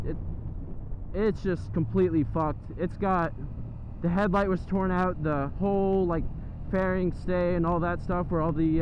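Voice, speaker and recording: A young American man talking from inside a helmet while riding, telling a story in a rambling, casual, foul-mouthed way as a motorcycle vlogger. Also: high voice. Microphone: helmet-mounted microphone. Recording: muffled helmet mic, loud engine and road noise.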